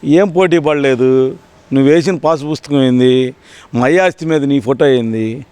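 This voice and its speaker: A man's voice: mid-range voice, normal speed, dark tone, clear, resonant tone, no room sound. A man from the public, giving heated, sarcastic answers full of rhetorical questions in a political street interview. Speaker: member of the public giving his opinion.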